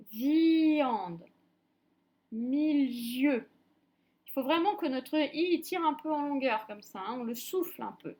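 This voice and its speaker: A woman teaching a reading lesson to young children, speaking slowly and sounding out each syllable with careful articulation. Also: high voice. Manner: slow, clearly articulated, drawing out sounds. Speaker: primary school teacher.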